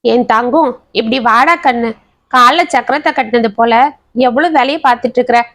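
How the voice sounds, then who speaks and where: A woman's voice: a little high, moderate pace, fairly bright tone, no echo. A woman voicing a loving middle-aged daughter who speaks affectionately and through sobs. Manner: affectionate, sobbing.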